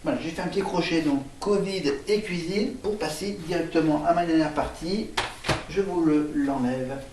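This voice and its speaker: A man vlogging casually, hesitating with fillers and restarts while he writes on a board and spells words out loud. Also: fairly high pitch, moderate pace, recorded from a distance. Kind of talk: rambling casual vlog, spelling words aloud. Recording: echoey room, voice off-mic, faint noise.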